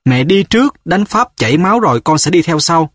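A man's voice: medium pitch, measured pace, slightly rough, no room sound, clean studio sound. A man voicing a young village fighter who is stubborn and resolute, speaking in a firm, earnest way. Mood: urgent.

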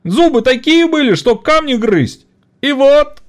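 A woman's voice: high-pitched, expressive, unhurried, voice pushed up. A man voicing a worn-out young woman factory worker crying out piercingly from a crowd in an audiobook. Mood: shrill outcry. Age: 20s. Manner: piercing, tearful outcry.

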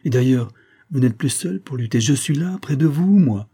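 A man's voice: medium pitch, expressive, moderate pace, warm tone, slightly rough. Brief: ardent young male officer in a storybook, read by a man, impassioned and pressing. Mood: urgent. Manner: urgent, impassioned.

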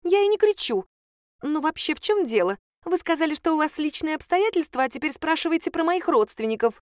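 A woman voicing a plump, nosy female accountant who speaks in a shrill, flustered and indignant way. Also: animated, normal speed, no room sound, clean studio sound.

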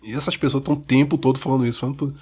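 A man's voice: mid-range voice, little pitch movement, racing, darkish tone, breathy edge. A man with a Brazilian Portuguese accent venting in a casual monologue, firing off rhetorical questions with slang and swearing. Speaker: vlogger.

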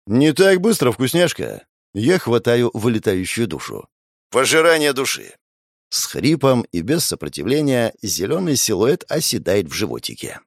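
A man's voice: mid-range voice, gravelly, no room sound, clean studio sound. A man narrating a first-person fantasy audiobook in a sardonic, crude, wry way.

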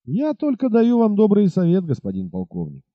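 Burly village innkeeper, folksy and unflappable, sing-song lively pitch, dull lo-fi sound, as a male narrator puts him on. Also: no echo, heavily acted. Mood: unruffled. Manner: folksy, unhurried, imperturbable. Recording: dull lo-fi recording.

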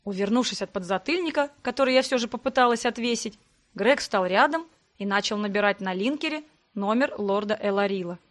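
A woman giving a lively, expressive first-person audiobook narration. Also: medium pitch, fairly quick.

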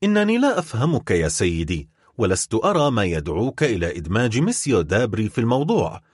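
A man's voice: lowish voice, sing-song, fast, a little mellow, breathy edge, dry recording, clean studio sound. A man voicing a scornful, proud baroness. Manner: scornful and indignant. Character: proud scornful baroness, sharp-tongued wife.

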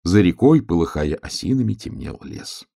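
A man narrating a children's storybook in an expressive, varied delivery. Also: sits low, moderate pace, creaky. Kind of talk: storybook reading.

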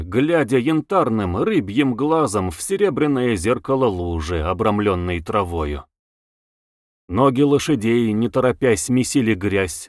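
A man narrating a classic novel in a measured, expressive audiobook reading. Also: medium pitch, no room sound, clean studio sound.

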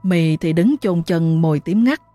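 A woman narrating a ghost story in a dramatic, expressive way. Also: fairly low pitch, measured pace, no room sound, faint music behind.

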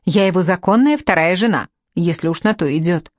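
A woman's voice: fairly low pitch, a little fast, dry recording, close to an everyday voice. A woman reading the part of a spiteful young second wife in an audiobook, taunting and cutting, in a dry recording. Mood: defiant.

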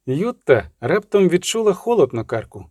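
A man reading an audiobook in a steady, measured dramatic manner. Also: sits high, dry recording, studio quality. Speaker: audiobook narrator. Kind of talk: scripted audiobook narration.

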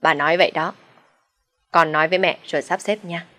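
Chị kể chuyện nhại ông cụ khó tính, chậm rãi, trầm trầm. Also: female voice, deep voice, steady tone, fairly bright tone. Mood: stern. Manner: slow, measured. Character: stern elderly man, family head.

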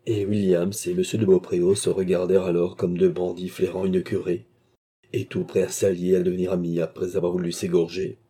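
A man narrating a classic novel as an audiobook in a measured, even storytelling manner. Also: sits low, husky.

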